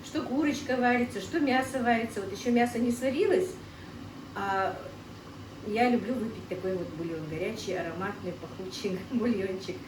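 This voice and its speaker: This casual cooking vlog features a middle-aged woman with a medium-pitched voice at a moderate pace. She chats away while cooking at home, keeps calling her viewers friends, and is heard from a little way off the mic in an echoey kitchen with a faint hum underneath.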